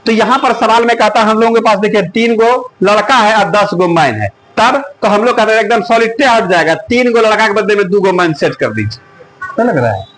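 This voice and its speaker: A man's voice: high-pitched, lively intonation, brisk, a bit bright, rough recording. A man teaching a classroom math lesson, often stopping to ask the students whether they follow. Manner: coaxing, keeps asking the class if it is clear. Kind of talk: classroom lecture.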